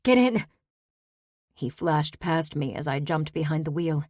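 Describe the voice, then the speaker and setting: Female audiobook narrator, low-pitched, tense and clipped, dry close read. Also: level tone, moderate pace, darkish tone, no echo. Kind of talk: first-person audiobook narration.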